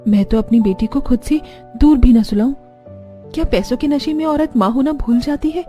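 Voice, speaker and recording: A woman voicing a gentle, devout young village mother who coos tenderly in a cartoon story. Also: high-pitched, normal speed, faint music behind, close to an everyday voice. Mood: dismayed. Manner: tender, cooing.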